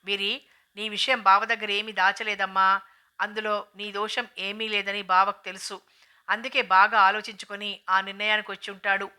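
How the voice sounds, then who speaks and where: A woman's voice: mid-range voice, level tone, moderate pace, sharp tone. A woman reading the lines of an outspoken, affectionate young sister-in-law who scolds and teases. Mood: scolding.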